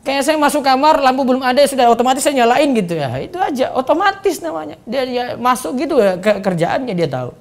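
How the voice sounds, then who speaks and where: A man's voice: very high voice, fast, few pauses. A man gives a religious study lecture as a preacher, quizzing his listeners and acting out sample prayers. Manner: animated, quizzes the audience and acts out sample prayers. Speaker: Islamic preacher.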